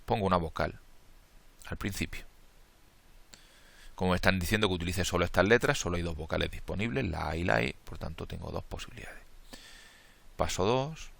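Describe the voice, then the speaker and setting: Man, Spain Spanish accent, math lecture, methodical, bright edgy tone, gravelly. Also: low voice, fairly quick, long pauses. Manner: methodical, thinks aloud and corrects slips. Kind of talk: worked-problem lecture, counting steps aloud.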